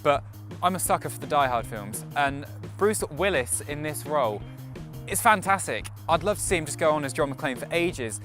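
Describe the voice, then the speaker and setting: A man's voice: on the high side, animated, moderate pace, over music. A young man giving casual, opinionated reviews to camera as a vlog co-host.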